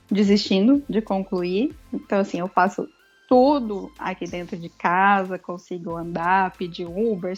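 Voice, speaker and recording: A Brazilian woman, a podcast guest, telling her story in a lively, animated way. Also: medium pitch, highs cut off. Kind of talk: casual storytelling interview.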